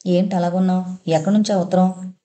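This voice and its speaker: A woman's voice: lowish voice, level tone, a little fast, mellow, natural voice. A woman reading a story, voicing a young husband who teases his wife with playful questions. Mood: curious. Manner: joking, questioning. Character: young husband, teasing and easygoing.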